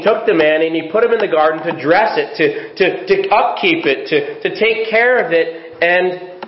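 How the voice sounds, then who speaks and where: A man preaching a sermon as pastor, reading scripture aloud and asking rhetorical questions. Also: on the high side. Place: church sanctuary. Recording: echoey, dull church recording with faint hiss.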